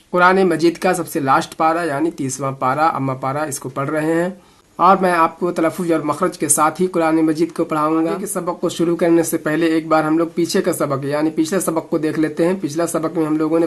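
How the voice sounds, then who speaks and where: A man teaching Quran recitation, patiently explaining sounds letter by letter and chanting verses slowly between explanations. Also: a little high. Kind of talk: recitation lesson.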